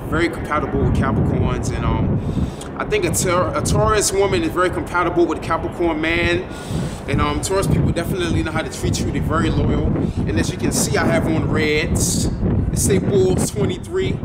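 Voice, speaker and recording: Standing before a building at night, a man in his twenties vlogs in a relaxed, rambling, repetitive style. His slightly high voice is animated and a little quick. Street noise comes through on the camera mic, which sits a few feet off.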